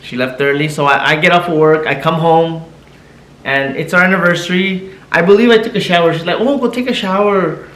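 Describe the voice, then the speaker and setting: A man, a husband and family vlogger, telling a personal story to the camera in a casual, excitable way, repeating himself and slipping into Spanish now and then. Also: on the high side, fairly quick. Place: living room at home. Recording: echoey room with soft music.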